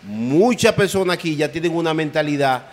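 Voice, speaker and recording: A man's voice: a little high, lively intonation, moderate pace. A man from the Dominican Republic with a Dominican accent, talking as a guest on a casual podcast, emphatic and repeating words as he builds his points. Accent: Dominican Spanish.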